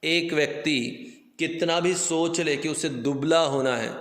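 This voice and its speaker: A man with a fairly high voice gives a science lecture. He explains terms with everyday examples and checks in with his students. The sound rings with a long reverb in an echoey room. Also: steady tone, a little slow, fairly bright tone. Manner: switches into English terms. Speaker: teacher.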